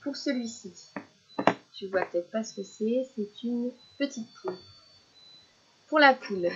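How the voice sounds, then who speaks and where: Woman, children's teacher, patient and deliberate, higher voice, lo-fi sound. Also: animated, background noise. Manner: patient, repeats syllables slowly and clearly. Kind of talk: slow children's lesson.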